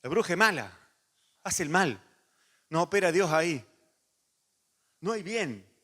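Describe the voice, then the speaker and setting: A man, a pastor preaching a sermon, animated and moving between loud emphasis and soft asides. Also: high-pitched, measured pace. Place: church hall. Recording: long church reverb.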